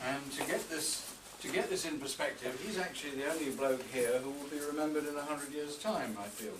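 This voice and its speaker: This older man's voice sits a little high and comes across brisk as he offers dry, humorous stories in an after-dinner tribute at a birthday reception, paced like a storyteller. The hotel function room sounds roomy and noisy, and he is recorded from afar.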